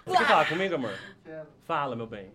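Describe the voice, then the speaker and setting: A man's voice: fairly high pitch, huge pitch swings, fast talker, over a noisy crowd. A man with a Brazilian accent hosting a podcast, talking in a playful, campy, teasing way. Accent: Brazilian Portuguese. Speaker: podcast host. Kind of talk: casual podcast chat.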